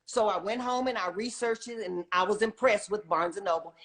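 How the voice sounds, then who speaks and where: A middle-aged woman, a children's book author and retired teacher, is the guest in an interview, speaking casually and with enthusiasm. Her medium-pitched voice is a bit bright and fairly quick, and she's emphatic, often checking in with "okay?".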